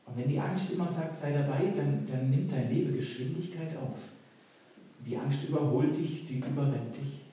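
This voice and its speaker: A man's voice: fairly high pitch, moderate pace, warm tone, slight background noise. A man giving a sermon, earnest and conversational, acting out little quotes as he goes. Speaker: preacher. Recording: echoey hall, voice picked up from a distance.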